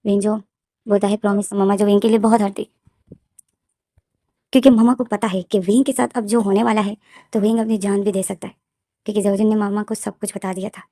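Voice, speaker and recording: A woman's voice: medium pitch, level tone, fairly quick, pauses often, dark tone, dry recording, studio quality. A woman retelling her own fan story in a long, run-on narration full of fillers. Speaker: fanfiction storyteller.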